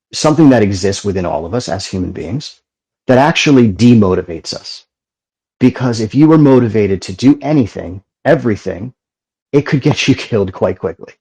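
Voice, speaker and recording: A middle-aged man, a meditation teacher, guiding breathing in a slow, calm way and then explaining the practice. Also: fairly low pitch, creaky, breathy edge, low-quality recording. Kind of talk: guided meditation and talk.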